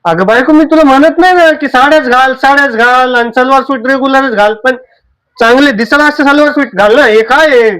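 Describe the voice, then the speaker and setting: A man's voice: extremely high pitch, fairly quick, a bit bright, clean tone. A man playing a young husband who nags about clothes and then coaxes his wife with pleas. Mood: complaining. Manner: coaxing, wheedling pleas. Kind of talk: amateur drama acting.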